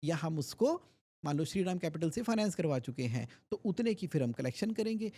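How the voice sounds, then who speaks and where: A man's voice: on the high side, lively intonation, a little fast, dark tone. A man from India, a finance expert guest on a podcast interview, explaining things animatedly with homely examples and repetition.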